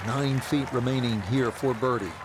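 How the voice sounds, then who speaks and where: A man acting as a composed golf commentator calls play-by-play for a sports game with polished broadcast phrasing. The pitch is average for a man, and noisy outdoor crowd ambience runs underneath. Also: moderate pace, natural voice. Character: composed male TV golf announcer in a video game.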